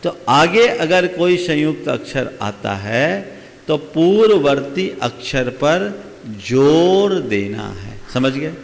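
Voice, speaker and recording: A man giving a slow, deliberate religious discourse to an audience, explaining and asking them questions. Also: a little high, lively intonation, big-room sound. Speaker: Jain monk giving a discourse. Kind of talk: sermon.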